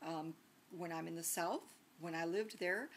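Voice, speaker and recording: A woman's voice: lowish voice, unhurried, slight background noise. A woman from the northern United States teaching a sociolinguistics lesson in a conversational lecture style, with many fillers and tag questions. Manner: conversational, frequent "right?" and "um" fillers.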